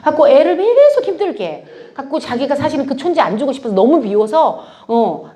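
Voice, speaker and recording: A middle-aged woman giving a lively testimony sermon at church, acting out the people in her story. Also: high voice, fairly quick. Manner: animated storytelling, acts out dialogue, laughs often. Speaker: lay ministry evangelist.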